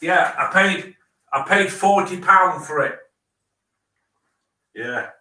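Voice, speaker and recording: Bright-voiced man giving shout-outs. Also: high-pitched, lively intonation, takes it slowly. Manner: upbeat shout-outs, repetitive. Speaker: co-host reading chat. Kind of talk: casual live-stream chat. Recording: echoey, distant room sound.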